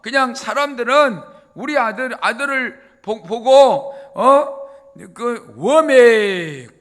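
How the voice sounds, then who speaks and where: A woman's voice: fairly high pitch, expressive, big-room sound. A man doing a boastful old grandmother. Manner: boastful, drawn-out bragging. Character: boastful old grandmother bragging about her son.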